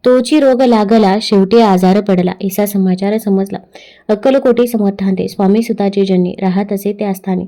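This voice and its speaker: A woman reciting a devotional scripture in steady verse cadence. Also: mid-range voice, moderate pace. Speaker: scripture reader.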